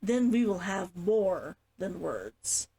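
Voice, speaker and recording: A woman's voice: lowish voice, big pitch swings, takes it slowly, warm tone, husky, exaggerated voice. Woman reading as a blunt, suspicious female guard. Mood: stern warning. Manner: blunt, interrogating.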